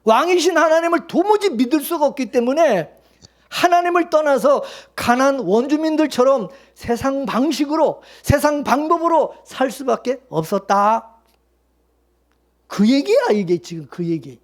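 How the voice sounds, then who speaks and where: A man's voice: very high-pitched, lively intonation, normal speed. A male pastor preaching a Sunday sermon, blunt and colloquial, firing rhetorical questions at the congregation.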